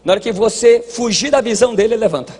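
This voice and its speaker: A Brazilian man preaching a sermon at a church congress, folksy and joking, dropping to quiet asides and rising to shouted exhortation. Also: sits high, rapid-fire, slightly rough. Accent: Brazilian Portuguese. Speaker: pastor. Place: large church hall at a congress. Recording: hall reverb, long echo.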